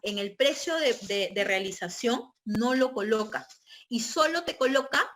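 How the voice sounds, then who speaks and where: In an online real estate training lecture, a woman with a sharp-toned voice on the high side explains each step in turn. She checks in with her listeners by way of tag questions.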